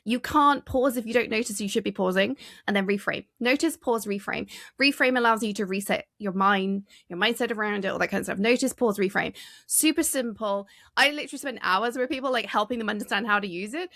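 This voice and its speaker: Gravelly-voiced woman coaching with energy. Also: medium pitch, fairly quick, a bit bright, no echo, studio quality. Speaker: executive coach, podcast guest. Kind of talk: interview conversation, explaining a framework.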